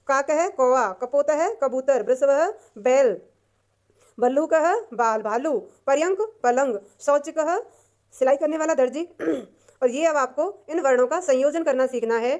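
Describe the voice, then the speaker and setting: A woman teacher explaining a textbook lesson patiently, repeating and translating each word, clearing her throat now and then. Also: high-pitched, a little mellow.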